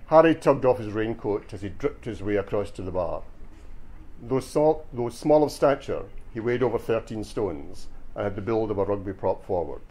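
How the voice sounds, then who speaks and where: A man's voice: lowish voice, expressive, moderate pace, warm tone. A man from Glasgow with a Scottish accent, reading from his crime novel and talking dryly at a bookshop launch. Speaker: author. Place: bookshop event.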